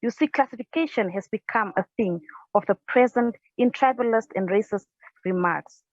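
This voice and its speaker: At home on a couch, a young South African poet recites her own spoken word piece into an earphone headset mic, earnest and halting with restarts. Her voice is a little high, and the recording is dry, dull and lo-fi.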